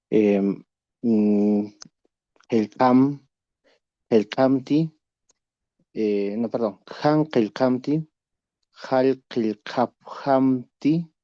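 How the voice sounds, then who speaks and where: Very slow, self-correcting student, dry muffled line. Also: medium pitch, warm tone, dry recording. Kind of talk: reciting verb conjugations.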